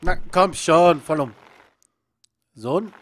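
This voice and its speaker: A young man giving excitable video game commentary, often bursting into loud exclamations. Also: a little high, takes it slowly, background noise. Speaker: let's play host.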